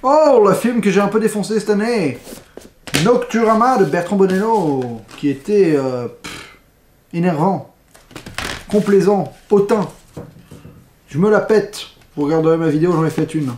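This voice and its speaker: A man's voice: high voice, unhurried, darkish tone, echoey room, a little hiss or hum. A man giving casual commentary on a box of films, blunt and slangy, full of rambling asides. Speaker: film critic vlogger.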